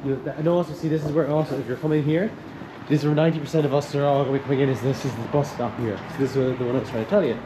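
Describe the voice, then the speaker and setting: This campus tour guide, a young male student, talks very fast in a mid-range voice with fairly even intonation, giving a chatty, enthusiastic, loosely phrased walking tour outdoors. The recording is noisy, with clear urban ambience and traffic in the background.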